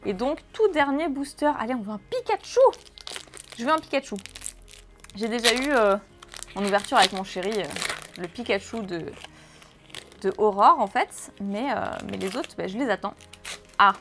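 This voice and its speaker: Bubbly high-voiced woman unboxing cards. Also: lively intonation, noisy background. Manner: gushing, exclamatory, lists card names quickly. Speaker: card-opening video host. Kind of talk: excited casual card unboxing.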